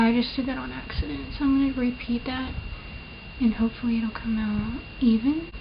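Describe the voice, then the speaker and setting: Chatting about her makeup at home, a young beauty vlogger rambles with fillers and frequently jokes about herself. Her voice is slightly high and has a mild lisp. Captured by a built-in camera mic, the recording is muffled and dull, with hiss clearly present throughout.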